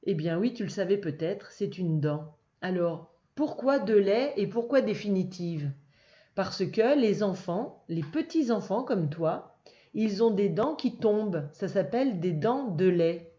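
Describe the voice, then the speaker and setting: A woman teacher going over answers for a young child, speaking patiently, slowly and clearly. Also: mid-range voice, dark tone, reverberant, highs cut off. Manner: patient, slow and clear, addressing one child. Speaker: first-grade teacher. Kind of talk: recorded lesson for a young child.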